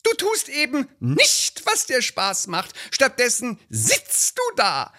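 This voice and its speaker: A man playing a fussy, nagging middle-aged wife in a recited comedy sketch, with a shrill, reproachful voice. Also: huge pitch swings, takes it slowly, pushed and bright, heavily acted.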